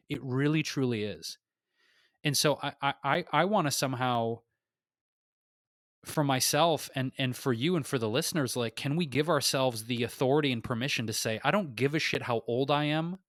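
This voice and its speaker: A man's voice: medium pitch, normal speed, fairly bright tone, no echo, clean studio sound. Fired-up, swearing male podcast co-host. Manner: heated, profane and restless, with many restarts. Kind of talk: impassioned casual podcast talk.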